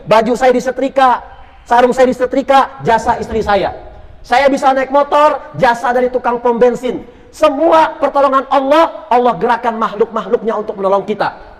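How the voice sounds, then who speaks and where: A man preaches to a mosque congregation and brings his stories to life by acting out each voice. His voice sits high for a man. The sound carries a long reverb from a large hall. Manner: animated, acts out voices in stories. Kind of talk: mosque sermon with storytelling.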